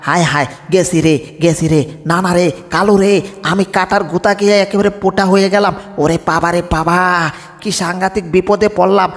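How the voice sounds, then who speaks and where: A man's voice: fairly high pitch, level tone, brisk, natural voice. A man voicing a gloating, greedy male lion villain in a homemade cartoon dub, cackling and boastful. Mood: panicked. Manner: cackling and boastful, wails when hurt. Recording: long reverb, echoey room.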